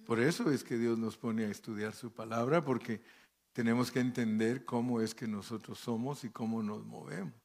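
A man's voice: medium pitch, moderate pace, creaky, a little mellow. A man preaching as a pastor, reading scripture aloud and commenting between the verses, often checking in with his listeners with short questions. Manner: checks in with listeners by asking "¿sí?" and "¿verdad?". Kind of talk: sermon with Bible reading.

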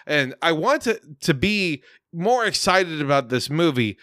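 A man's voice: on the high side, very animated, unhurried, a bit bright, no room sound, clean studio sound. A man in casual podcast chat, sardonic and profane, often laughing mid-sentence while reacting to trailers. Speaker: podcast co-host.

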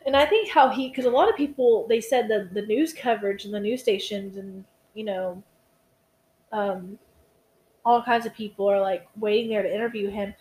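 A woman's voice: medium pitch, normal speed, darkish tone, low-quality recording. A tired young woman co-hosting a casual true-crime podcast, rambling, swearing and restarting her sentences. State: tired, yawning. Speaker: podcast co-host.

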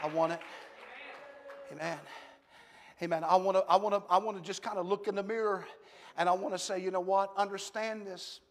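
Man, pastor, high voice, shouted preaching, large church sanctuary, long reverb. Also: steady tone, a little fast, long pauses. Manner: swings from hushed to shouted preaching. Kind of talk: Pentecostal sermon.

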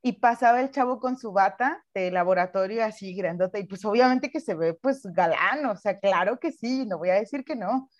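A young woman with a Mexican Spanish accent, co-hosting a casual podcast chat and telling animated stories with acted-out quotes. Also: medium pitch, moderate pace, few pauses. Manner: animated storytelling, acts out quotes. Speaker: podcast co-host.

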